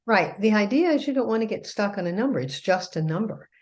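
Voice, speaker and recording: A woman co-hosting a casual chat, talking in a calm, thoughtful way. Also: mid-range voice, fast.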